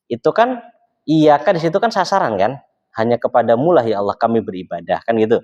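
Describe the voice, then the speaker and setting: A man's voice: medium pitch, lively intonation, a little fast, a little mellow. A male Islamic religious teacher, explaining in a casual talk and answering his own rhetorical questions. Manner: asks rhetorical questions and answers them himself. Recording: slightly dull lo-fi sound.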